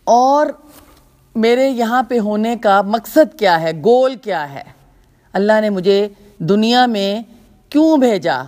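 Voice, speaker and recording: A woman lecturing on faith to a gathering of young women, her voice at an ordinary middle pitch. She builds her points with strings of rhetorical questions and long lists. She repeats key phrases for emphasis, as a preacher does. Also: expressive, darkish tone. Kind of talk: Islamic lecture.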